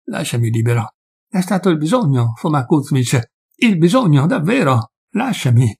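A man voicing a desperate poor peasant who rages and pleads, his husky voice pushed high. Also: sing-song, moderate pace, heavily acted. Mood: pleading. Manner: shouting, raw and pleading.

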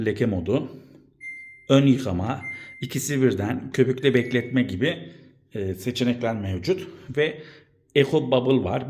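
Man, casual home how-to presenter, hesitant fillers, booming echo from an empty room. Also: darkish tone, a little hiss or hum. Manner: explanatory, with frequent hesitation fillers. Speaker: home appliance demonstrator. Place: home room with bare floors, carpets removed. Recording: echoey bare room at home.

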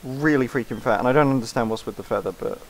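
A man's voice: medium pitch, fast, a little hiss or hum, low-quality recording. A man commenting on a video game as he plays, rambling and mumbling in a self-mocking way. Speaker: let's play host. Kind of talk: casual gameplay commentary reading game dialogue aloud.

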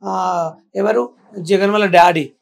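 A man's voice: high-pitched, fairly even intonation, takes it slowly, gravelly. A man with a Telangana Telugu accent, chatting in a casual interview and boasting with catchy rhymes he made up himself.

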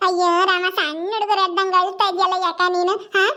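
A woman doing a slow, childlike village girl. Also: extremely high pitch, little pitch movement, sharp tone, voice pushed down. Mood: soothing, pleading. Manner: slow, soothing, repeats herself. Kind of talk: village comedy skit.

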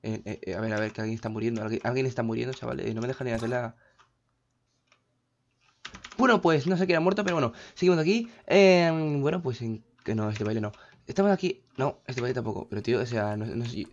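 Young-sounding gaming host, chatty and jumpy, plain mid-range voice, muffled home mic. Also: male voice, mid-range voice, fast. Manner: rambling, excitable, panicky outbursts. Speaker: gaming YouTuber. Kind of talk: casual gameplay commentary.

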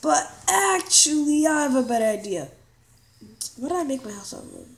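Over a gameplay video, a woman with a high voice gives casual, rambling commentary. She's excitable and keeps firing off quick exclamations.

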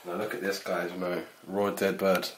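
A man's voice: sits low, little pitch movement, normal speed. A young man chatting and rambling casually indoors. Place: small indoor eating room. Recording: echoey, distant, very noisy room.

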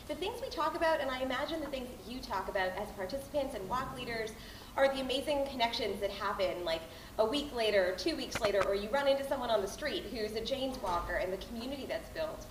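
A woman's voice: a little high, expressive, fast, noisy background. A woman in her thirties with a Canadian accent, chatty and bubbly with many fillers, announcing grants as a board chair to a crowd. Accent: Canadian English. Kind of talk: casual announcement speech. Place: large hall with a mural, indoors. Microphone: far camera, no microphone. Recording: roomy hall from a distant camera.

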